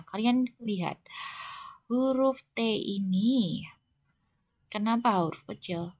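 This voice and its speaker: A woman's voice: mid-range voice, dry recording. A woman teacher, giving a classroom lesson and explaining patiently step by step.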